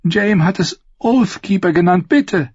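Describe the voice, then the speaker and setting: A man's voice: sits low, a little fast, slightly rough, no room sound, muffled recording. A man reading a story aloud, voicing a feverish, wounded female knight who cries out in pleading bursts. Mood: desperate.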